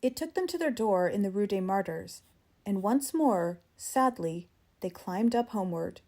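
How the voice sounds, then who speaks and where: A woman with a standard American accent reading literary fiction as an audiobook narrator, measured and expressive. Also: mid-range voice.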